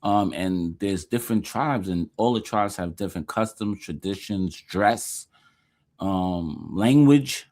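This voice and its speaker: A man's voice: low voice, takes it slowly, a little mellow. A man hosting a casual reaction commentary, talking in a loose, conversational and dismissive way. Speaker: host.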